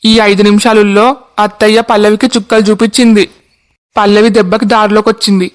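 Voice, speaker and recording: A voice artist voicing a polite young husband in a cartoon. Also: male voice, high-pitched, level tone, brisk, smooth, close to an everyday voice.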